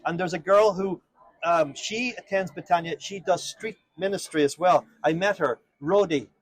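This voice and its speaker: A man doing street evangelism on a town street outdoors mixes informal preaching with conversation, earnestly explaining and frequently questioning his listener. He has a high-pitched voice and a moderate pace, recorded with no room sound.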